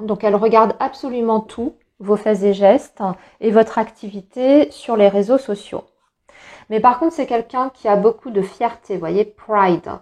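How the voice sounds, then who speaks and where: A woman's voice: medium pitch, darkish tone. A woman giving a casual tarot reading to viewers, chatty and reassuring, with many fillers and restarts. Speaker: tarot reader.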